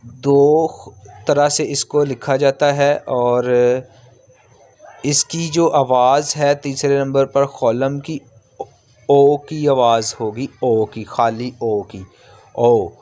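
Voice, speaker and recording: In a steady, warm, mid-range voice, a man teaches a language lesson one step at a time. His explanations are repetitive, and he draws out sample vowel sounds at length.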